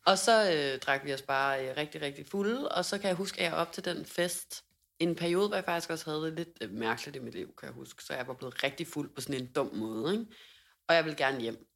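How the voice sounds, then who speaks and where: A young woman telling a story in casual podcast chat, animated, with lots of fillers and laughter in her voice. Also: low-pitched, vocal fry. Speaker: podcast co-host.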